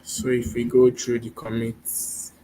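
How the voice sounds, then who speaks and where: A man talks in a slow, flat, unhurried way over a video call whose audio keeps breaking up into choppy fragments. He hedges with fillers as he co-hosts a developer stream, and a faint hiss sits under his voice. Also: mid-range voice. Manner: hesitant, full of ums and likes. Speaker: developer co-hosting a livestream.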